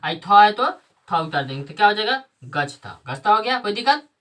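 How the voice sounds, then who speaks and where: A woman's voice: mid-range voice, big pitch swings, a little fast, fairly bright tone. A woman teacher explaining a lesson step by step, asking questions and answering them herself. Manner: asks and answers her own questions, repeats each step. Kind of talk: classroom lesson. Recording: voice heard from a distance.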